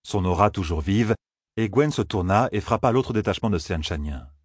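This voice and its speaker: Deep, husky male audiobook narrator. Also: no room sound, studio quality. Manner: steady, measured storytelling. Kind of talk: scripted narration.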